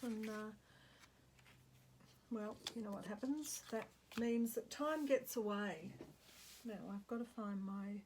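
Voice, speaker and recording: An Australian woman chatting casually as she crafts, thinking aloud and murmuring to herself as she works. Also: a little high. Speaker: craft vlogger. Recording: clear background noise.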